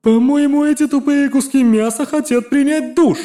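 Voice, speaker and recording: A man voicing a brash woman who commands siege engineers, with a metallic voice and loud, mocking orders. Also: very high-pitched, fairly even intonation, normal speed, voice pushed up. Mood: taunting. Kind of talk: audiobook fantasy narration.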